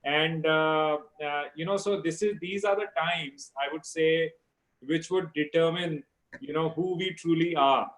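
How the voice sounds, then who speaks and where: A middle-aged man with an Indian accent talks as a guest on a video call. His voice sits a little high. He is agreeable and conversational, often doubling words for emphasis. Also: steady tone, a little slow, a bit bright, low-quality recording. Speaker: guest speaker, life coach. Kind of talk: conversational interview.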